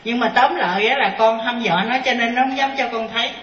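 A Buddhist nun telling a story to her master, chatty and halting, often laughing as she speaks. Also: on the high side, fairly bright tone. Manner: chatty, hesitant restarts, laughs as she tells it. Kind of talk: storytelling in a question-and-answer session. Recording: roomy, dull sound from far off.

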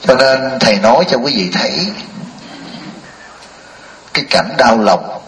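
A man's voice: medium pitch, lively intonation, measured pace, a bit bright, a little hiss or hum. A man, a Buddhist monk giving a folksy, joking sermon and firing rhetorical questions at a live audience. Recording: echoey hall, mic at a distance.

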